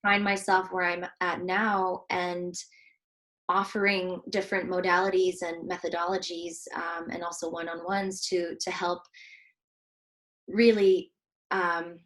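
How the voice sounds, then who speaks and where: Speaking at a measured pace in a lowish voice with a level tone, this woman from Switzerland hosts a casual interview as a heart coach. She comes across soft-spoken, earnest and reflective, often using fillers.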